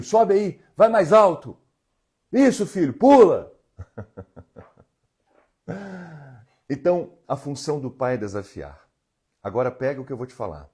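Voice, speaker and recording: A man in his forties speaks as a therapist on a live stream, coaching his viewers in an earnest, direct way. His voice sits at an ordinary mid pitch with a husky, slightly rough edge. He talks straight to the audience from his home. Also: darkish tone. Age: 40s. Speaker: emotional healing therapist.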